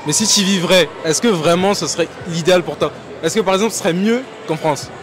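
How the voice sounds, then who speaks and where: A man's voice: sits high, fast, some chatter behind. A man conducting a casual street interview, pressing people with follow-up questions. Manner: casual, probing follow-ups.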